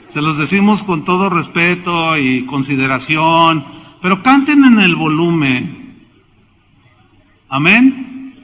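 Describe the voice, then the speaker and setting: A man with a Mexican Spanish accent preaching a sermon as pastor, telling lively stories and acting out the people in them, with sudden shouts. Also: sits high, slight background noise. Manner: animated storytelling, voices quoted people, sudden shouts. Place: church sanctuary. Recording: long hall reverb.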